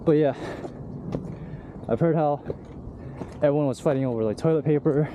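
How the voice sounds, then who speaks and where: A man's voice: fairly high pitch, moderate pace, highs cut off. A young man talking loosely and candidly to his camera while hiking uphill, out of breath. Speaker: vlogger. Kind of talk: casual vlog talk while hiking. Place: outdoors on a hiking trail. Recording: outdoor recording with clear background noise.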